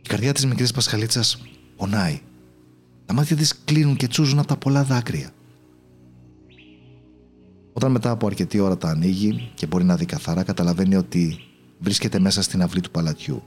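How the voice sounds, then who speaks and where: Solemn, low-voiced male storyteller. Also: pauses often, slightly rough, faint music behind. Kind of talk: scripted storybook narration.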